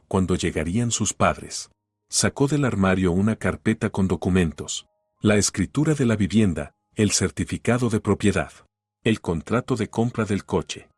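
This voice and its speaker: Husky male storybook narrator. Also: lowish voice, a little mellow, no room sound, studio quality. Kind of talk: audiobook story reading.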